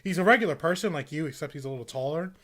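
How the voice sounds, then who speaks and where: A man's voice: fairly high pitch, lively intonation, rapid-fire, a bit bright. Young male podcast co-host, casual, rambling, filler-heavy. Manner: rambling, filler-heavy, acts out game characters in silly voices. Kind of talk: casual chat.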